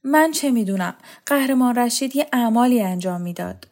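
A woman's voice: fairly high pitch, animated, a little mellow, pitched above the performer's own voice. A woman reading as a flustered old lady. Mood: curt. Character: old lady of the house, flustered and sharp-tongued.

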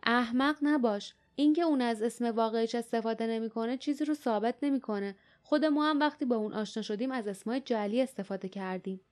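A woman voicing a gruff, blunt grown warrior in an audiobook, speaking in a grumbling way. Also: medium pitch, a little mellow, natural voice.

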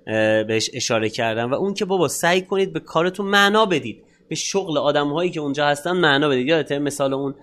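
Male podcast co-host with a slightly high voice who explains his points in order. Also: lively intonation, few pauses, fairly bright tone. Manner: explanatory, lays out points one by one. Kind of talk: casual podcast chat.

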